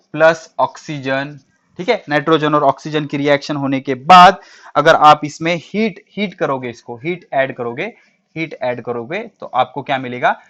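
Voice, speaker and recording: A man's voice: fairly high pitch, a bit bright. A male teacher giving a classroom chemistry lecture, asking questions and answering them himself, mixing English terms into his speech. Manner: quizzing students and answering his own questions. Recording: dull lo-fi recording.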